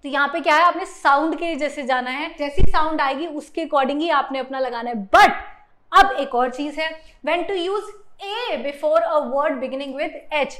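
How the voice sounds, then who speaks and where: A woman's voice: high voice, fairly bright tone. A woman with an Indian English accent teaching a grammar lesson, mixing Hindi and English and often checking with "ठीक है". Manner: spells out sounds slowly for emphasis. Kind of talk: classroom-style grammar lesson.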